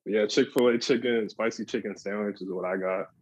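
A young man speaking as a podcast guest in casual chat, relaxed and full of "like" and "um". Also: fairly low pitch, brisk. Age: young adult. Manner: relaxed, lots of "like" and "um". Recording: dull lo-fi dry sound.

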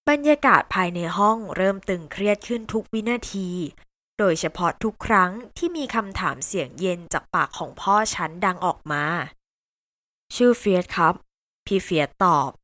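Bright-voiced woman narrating a novel. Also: mid-range voice, sing-song, fairly quick, no room sound. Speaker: novel reader. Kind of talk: first-person novel narration.

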